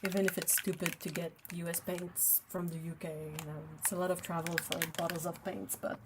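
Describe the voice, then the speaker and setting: A young woman speaks in a fairly low voice with little pitch movement, at a fairly quick pace, over very heavy noise. She has a French Canadian accent and is a native French speaker, chatting casually with livestream viewers as she paints, reading the chat aloud and laughing often.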